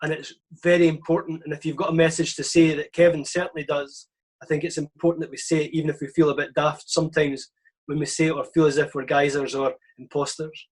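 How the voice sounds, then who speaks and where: A man speaks as a guest over a video call, modest and a little hesitant. His pitch is fairly high for a man but stays flat, with little rise and fall. "Uh" fillers break up his sentences as he works through his point. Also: fast. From Scotland. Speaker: panel guest.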